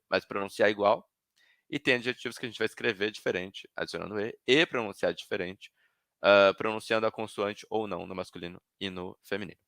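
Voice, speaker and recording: Man, French teacher, live online class, clear bright voice, dry close sound. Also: mid-range voice. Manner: patient, repeats words for students to echo. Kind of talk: live online language lesson.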